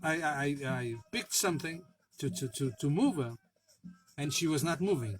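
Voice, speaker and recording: A man who is a spiritual worker, telling a personal story in a halting way, with many fillers and restarts, laughing at himself and swearing now and then. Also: a little high, expressive, poor audio. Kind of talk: casual spoken anecdote.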